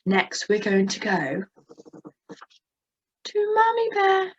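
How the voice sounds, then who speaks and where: A woman's voice: very high voice, huge pitch swings, takes it slowly, dull audio, slight background noise. A young woman expressively teaching children with puppets, punctuating her talk with gasps. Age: young adult. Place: indoors at a computer, virtual background.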